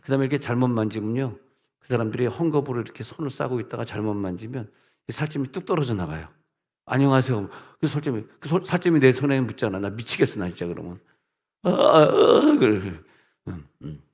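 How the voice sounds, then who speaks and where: A middle-aged man preaching a sermon as a pastor, telling stories in a playful way and breaking into sudden loud outbursts and put-on dialect. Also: mid-range voice, expressive, quick pace, husky.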